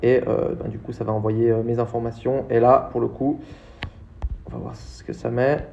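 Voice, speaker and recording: A man's voice: mid-range voice, little pitch movement, moderate pace, gravelly, mellow, dull audio, a little hiss or hum. A man vlogging casually as he tests an app, talking in a chatty way and hesitating with many fillers, recorded on a camera on a tripod. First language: French. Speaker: tech vlogger. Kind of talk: casual tutorial vlog. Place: indoor room with a neon light. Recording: echoey room.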